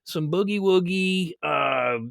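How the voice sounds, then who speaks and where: A man hosting a podcast, telling stories in a lively casual way and laughing at his own jokes. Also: high-pitched, slow pace, creaky, dry recording, clean studio sound. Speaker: podcast host. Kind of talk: casual chat.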